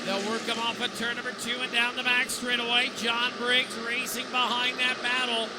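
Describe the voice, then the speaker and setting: Male motorsport commentator, very high-pitched, clipped position-by-position race calls, loud engine noise throughout. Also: level tone, moderate pace. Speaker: motorsport track announcer. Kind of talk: live stock car race commentary. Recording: loud engine noise over track announcing. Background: race car engines.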